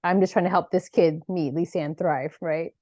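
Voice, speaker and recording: A woman's voice: lowish voice, steady tone, moderate pace, mellow, no echo, clean studio sound. A woman, an actor and author, talking earnestly as a podcast guest about her spiritual path, often tagging her thoughts with "like" and "right?". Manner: earnest, rambling, peppered with "like" and "right?". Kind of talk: reflective spiritual conversation.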